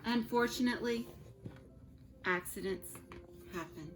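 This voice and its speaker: Reading a picture book to her students from home at a measured pace, a teacher with a slightly high voice delivers it expressively and offers gentle asides to the children.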